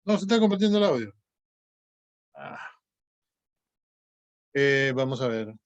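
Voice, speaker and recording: A man's voice: mid-range voice, very animated, unhurried, dry recording, lo-fi sound. Man teaching an online class. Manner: explanatory, with frequent fillers and self-corrections. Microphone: video call.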